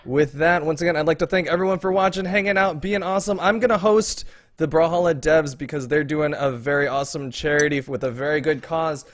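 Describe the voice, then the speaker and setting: A chatty man hosting a livestream, his voice sitting a bit high for a man. He keeps an upbeat, casual tone and laughs often while running a giveaway for his viewers. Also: a little fast. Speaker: stream host. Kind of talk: casual livestream chat, giving away codes.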